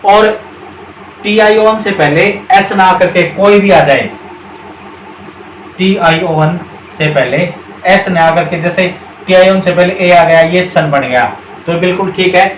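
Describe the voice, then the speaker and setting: Indian teacher explaining slowly, echoey room. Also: male voice, high voice. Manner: explains step by step, repeats words slowly, calls students beta. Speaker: English grammar teacher. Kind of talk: classroom-style video lesson. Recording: echoey room with faint background noise.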